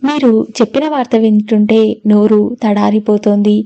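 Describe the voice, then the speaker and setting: A woman reading the part of a calm male lawyer who soothes and reasons gently in a storybook reading. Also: mid-range voice, moderate pace, dry recording, dull audio, close to an everyday voice.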